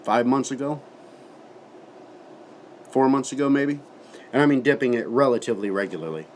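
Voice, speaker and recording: A man's voice: medium pitch, moderate pace, slight background noise. Folksy man talking with a lip full of dip. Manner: folksy, colloquial, swears casually. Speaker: tobacco product reviewer. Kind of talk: casual product review vlog, talking to camera.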